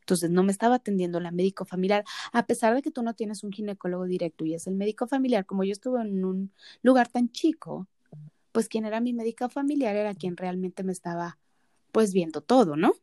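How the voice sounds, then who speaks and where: A woman in her thirties, speaking briskly in a dark-toned, mid-range voice, co-hosts a podcast where she chats casually about her story and acts out quoted conversation with animation. The audio is studio quality, free of echo.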